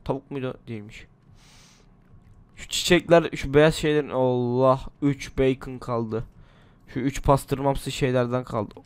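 A man's voice: medium pitch, steady tone, measured pace, clear, resonant tone, no echo. A man, a gaming channel host, chatting casually and rambling to himself as he plays a survival game, a little under the weather. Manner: chatty, rambling, talks to himself while playing. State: slightly ill. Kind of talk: casual gameplay commentary.

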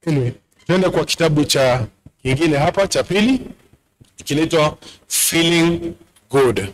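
A man's voice: on the high side, animated, unhurried, low-quality recording. A man with a Kenyan accent giving a church address, talking directly to the congregation and switching between Swahili and English. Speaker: church speaker presenting books at a camp meeting. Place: large bare church hall, at a pulpit.

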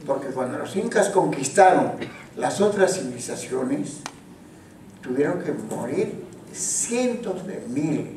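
A man's voice: mid-range voice, a little mellow. Older peruvian guy, painter telling an old myth, kinda wry, restarts a lot, far off the mic in a really echoey room. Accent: Peruvian Spanish. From Peru. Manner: wry, storytelling, with halting restarts. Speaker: painter speaking at a tribute. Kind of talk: informal talk retelling a folk myth. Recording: echoey hall from far off, faint noise.

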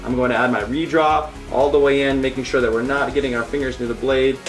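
A man in his thirties hosts a home cooking demo, giving earnest step-by-step instructions laced with deadpan jokes. He speaks fast at a medium pitch, recorded on a lapel mic in his home kitchen with music underneath.

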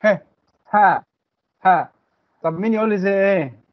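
In an online class, a man with an Egyptian Arabic accent teaches children their English letters, repeating every sound patiently so the pupils can copy it. His voice is high and moves at a moderate pace. The recording from his computer mic has its highs cut off.

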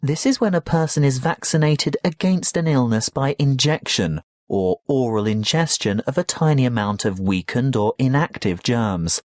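A man playing a health lecturer, giving a scripted academic lecture with measured, explanatory delivery. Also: medium pitch, lively intonation, dry recording, clean studio sound, close to an everyday voice. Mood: formal, instructive. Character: male health lecturer addressing young students.

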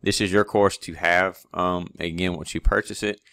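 A man's voice: low voice, level tone, normal speed, a bit bright, smooth, dry recording, studio quality. A man, an online automation-training instructor, casually walks viewers through his course website with many fillers and restarts. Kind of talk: screen-recorded course walkthrough.

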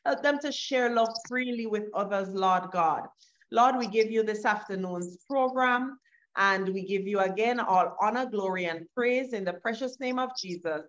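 A middle-aged woman host speaks with formal, measured phrasing and a devout manner. Her pitch sits in the middle range. The sound is slightly dull, as if over a video call. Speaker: talk show host. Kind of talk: scripted presenting and prayer. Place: furnished living room indoors.

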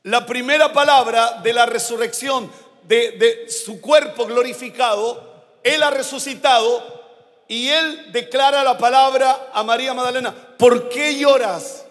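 A Chilean man preaching a sermon as a pastor, slow and emphatic, rising to shouts at his climaxes. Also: extremely high pitch. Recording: long hall reverb.

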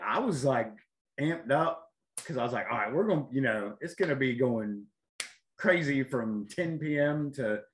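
A man, a chef chatting easily as a guest on a video call. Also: medium pitch. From North Carolina. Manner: easygoing, chatty, with small laughs. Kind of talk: casual video-call interview.

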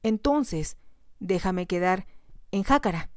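Heartbroken young bride, read by a woman in whispered role-play, soft, pleading, dry close sound. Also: medium pitch, animated, takes it slowly, clear, resonant tone, no echo.

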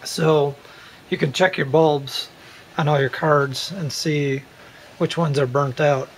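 Speaking slowly in a somewhat high voice, a repair video host narrates a casual, folksy tutorial while working hands-on in a room at home. The handheld camera recording has poor audio, with a steady hum and room noise.

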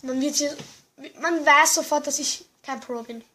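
A young gamer giving excited commentary, exclaiming often and muttering to themself. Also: high voice, measured pace. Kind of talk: excited let's-play commentary.

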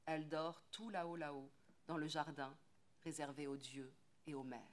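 A French actress reading a tale aloud, rhythmic and lilting, leaning on repeated phrases. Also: female voice, low-pitched, fairly even intonation, moderate pace. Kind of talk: expressive literary reading.

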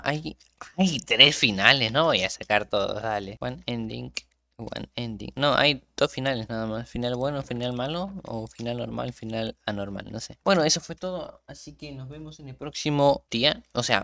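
A man's voice: mid-range voice, creaky, bright, forceful tone, dry recording. A young man chatting casually while playing a horror game, rambling and restarting his sentences, with trouble pronouncing his R sound. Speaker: gaming YouTuber.

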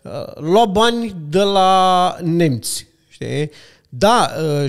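A man as a podcast guest, telling anecdotes in casual chat with lots of filler sounds. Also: on the high side.

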